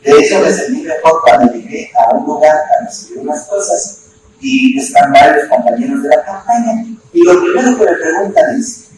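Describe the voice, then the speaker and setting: A man preaching a sermon, telling a story in an animated way and shouting at emotional peaks. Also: fairly high pitch, moderate pace. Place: church. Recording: echoey church hall, distant mic, room noise.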